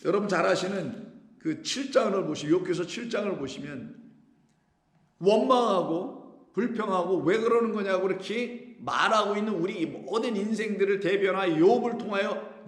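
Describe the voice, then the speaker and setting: High-voiced preaching man in an echoey hall. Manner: earnest preaching, rising and slowing on key phrases. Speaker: pastor. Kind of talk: sermon.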